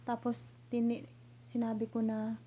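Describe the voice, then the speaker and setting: A woman from the Philippines telling a hurtful story from her job as a domestic helper, in a halting way with many restarts. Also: fairly high pitch, monotone, warm tone, a little hiss or hum. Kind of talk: emotional personal storytelling.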